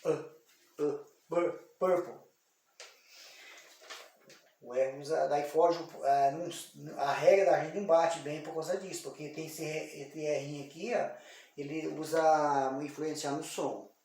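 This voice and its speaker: A man from Brazil teaching English pronunciation in an online lesson, slowly drilling words over and over with many fillers. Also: fairly high pitch, steady tone, darkish tone. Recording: echoey room, voice far from mic, faint noise.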